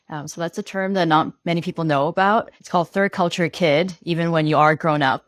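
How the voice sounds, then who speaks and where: A woman in her thirties, a veterinarian guest on a podcast, from Hong Kong and raised in Syria and Lebanon, talking in a measured way and explaining carefully. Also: deep voice, dry recording, clean studio sound. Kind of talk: casual interview chat.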